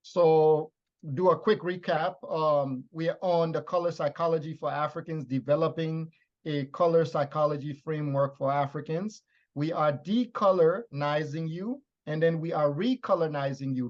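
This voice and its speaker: Emphatic man lecturing over dull audio. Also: on the high side. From Liberia. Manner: emphatic, repetitive teaching phrases. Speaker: teacher.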